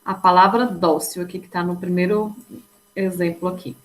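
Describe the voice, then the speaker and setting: A woman's voice: fairly low pitch, steady tone, normal speed, slight background noise, poor audio. A woman, a teacher giving an online grammar lesson. She explains patiently, step by step, and keeps checking in with her students.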